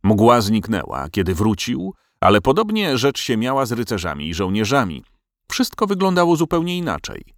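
A man narrating a storybook tale for an audiobook. His voice sits low but swings widely in pitch with expressive storytelling. The recording is dry and close. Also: moderate pace, no room sound.

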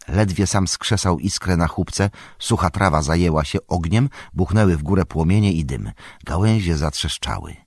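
A man reading a fantasy story aloud in an expressive, dramatic narration. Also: low voice, breathy edge, dry recording, studio quality. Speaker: audiobook narrator.

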